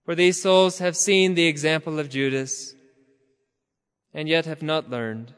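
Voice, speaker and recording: Solemn high-voiced preacher in a hall. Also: male voice, fairly even intonation, fairly bright tone, clear, resonant tone. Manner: slow, solemn, half-chanted preaching. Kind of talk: sermon.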